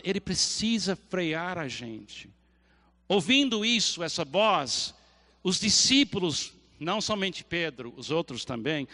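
Casting: male pastor, high bright voice, lively storytelling sermon, long hall reverb. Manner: animated storytelling, acting out scenes.

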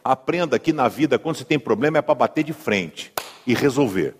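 A man's voice: mid-range voice, lively intonation, fairly quick, slight background noise. A male pastor with a Brazilian accent preaching a sermon in a humorous, conversational way, often asking the congregation questions. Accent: Brazilian Portuguese. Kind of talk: sermon with storytelling. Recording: long hall reverb.

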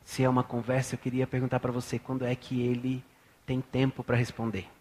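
A pastor in his thirties from Brazil preaching a sermon in a church, swinging from hushed talk to loud bursts. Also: medium pitch, monotone, fairly quick.

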